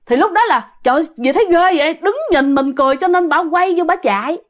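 A woman's voice: high-pitched, lively intonation, quick pace. A woman with a Southern Vietnamese accent telling a ghost story casually, often addressing her listeners directly.

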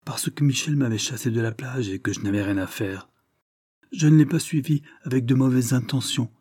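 A man's voice: medium pitch, normal speed, mellow, slightly rough, dry recording, clean studio sound, natural voice. A man voicing a sly, ragged young boy who pleads and wheedles. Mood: pleading.

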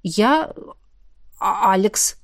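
A woman reading an audiobook, voicing a friendly, easygoing young man who is a warlock, in a relaxed manner. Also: medium pitch, extremely slow, vocal fry, heavily acted.

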